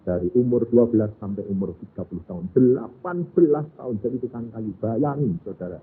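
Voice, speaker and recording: An older man preaching a sermon, firing rhetorical questions at the congregation and dropping from loud to hushed. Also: lowish voice, expressive, brisk, breathy edge. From Central Java, Indonesia. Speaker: evangelist preacher. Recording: tinny, phone-like lo-fi sound.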